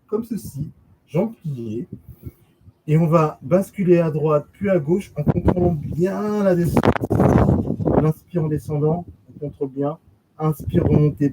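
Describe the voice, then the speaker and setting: A man teaching a pilates class, giving steady step-by-step commands, counting reps and repeating cues slowly. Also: a little high. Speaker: pilates instructor. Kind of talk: guided exercise class instruction. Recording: loud background noise.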